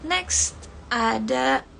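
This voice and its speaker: A woman's voice: high-pitched, gravelly, fairly bright tone. A woman teaching English words on a casual livestream, repeating each word and explaining it, her voice dry and cracking. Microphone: phone livestream. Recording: faint background noise.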